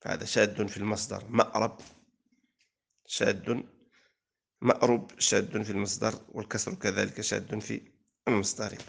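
Low gravelly guy teaching grammar, reads verse slow and careful. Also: level tone. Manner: measured explanatory recitation of verse. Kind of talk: classical Arabic grammar lesson.

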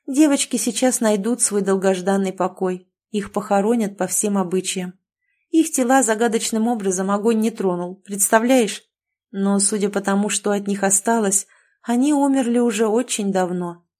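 A kind young village schoolteacher speaks tenderly and encouragingly, as a woman reads her part. Her voice is mellow and smooth, measured like a storybook. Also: mid-range voice, close to an everyday voice. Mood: calm. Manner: tender and praising.

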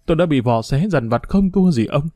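A man's voice: a little high, expressive, a little fast, dark tone, no room sound, natural voice. A man voicing a guilt-ridden male criminal tycoon who pleads in a broken way. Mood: pleading remorse.

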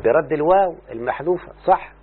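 A man with an Egyptian Arabic accent teaching a grammar lesson, speaking slowly and deliberately and quizzing his student as he goes. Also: fairly high pitch, lively intonation, slightly rough. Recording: tinny phone-like, faint hum.

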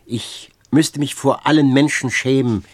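A man's voice: mid-range voice, unhurried, natural voice. A man doing a desperate young woman, Fenice. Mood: defiant. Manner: pleading, rising into loud outbursts. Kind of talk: audiobook reading.

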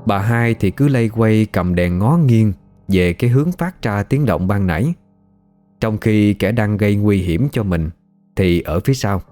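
Guy reading a ghost story, deep-ish voice, faint music under it. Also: expressive, measured pace, dark tone. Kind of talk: scripted ghost story narration.

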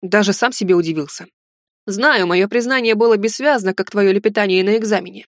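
A woman voicing a tender, nervous young man in an audiobook, earnest and gentle. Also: medium pitch, a little fast, no echo, close to an everyday voice. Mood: sheepish. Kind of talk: audiobook character reading.

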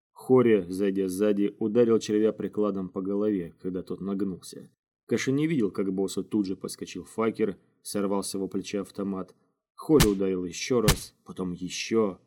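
A man narrating an audiobook in a steady, measured reading. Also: lowish voice. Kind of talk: scripted narration. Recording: faint music underneath.

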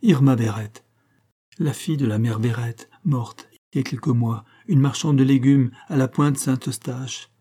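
A man's voice: mid-range voice, normal speed, dark tone, slightly rough, natural voice. A man voicing a desperate young ex-convict who pleads his innocence in a frantic, protesting way. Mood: anguished.

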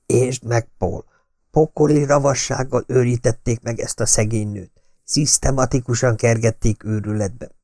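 A man voicing a secretive, intense male detective who delivers urgent, hushed warnings in an audiobook. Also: mid-range voice, fairly even intonation, no room sound, clean studio sound, natural voice.

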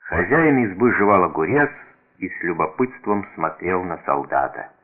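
A man narrating a literary story in a measured, low-key way for radio. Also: sing-song. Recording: tinny radio broadcast.

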